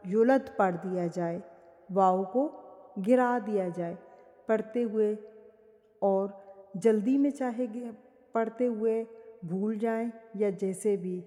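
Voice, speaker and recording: A woman teaching the rules of Quran recitation, explaining slowly and carefully and drawing out each example word. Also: mid-range voice, mellow, big-room sound. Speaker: tajweed teacher.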